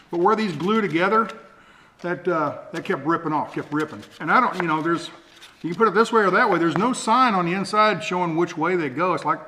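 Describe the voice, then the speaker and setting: Bright, forceful, and high-pitched, a middle-aged man runs a DIY build vlog and chats through a hands-on show-and-tell. He's casual, rambling, and folksy, often joking at his own expense. A camera mic records him in an echoey room with a little background noise.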